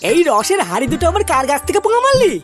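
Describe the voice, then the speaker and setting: A woman's voice: very high-pitched, very animated, racing. A woman voicing a brash, bossy young village man in a cartoon who scolds his friends. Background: background music.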